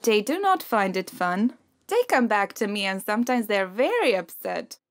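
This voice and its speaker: A woman's voice: mid-range voice, very animated, no room sound, studio quality, close to an everyday voice. A woman voicing a snooty, mock-polite cinema ticket seller. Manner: slow, posh, mock-polite.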